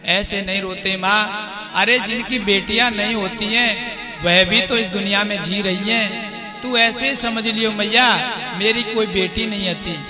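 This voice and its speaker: A man voicing a gentle, dutiful young bride princess who earnestly consoles her mother in devotional storytelling. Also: high voice, steady tone, measured pace, over music.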